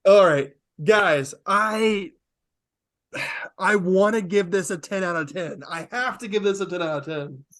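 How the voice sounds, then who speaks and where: A man's voice: high-pitched, unhurried, a bit bright. A man hosting a podcast in casual chat, talking in an enthusiastic, rambling way. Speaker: podcast host.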